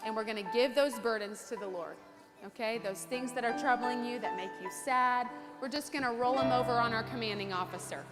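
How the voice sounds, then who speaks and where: A woman leading a children's service at camp, gentle and prayerful, asking the kids questions. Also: fairly high pitch, a little fast. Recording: reverberant hall, clear music behind.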